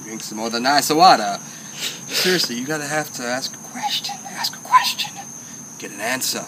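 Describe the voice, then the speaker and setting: A man's voice: mid-range voice, animated, brisk, heavy background noise. A man hosting a casual comic chat, rambling goofily and trailing off into laughter. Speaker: host of a casual sit-down chat.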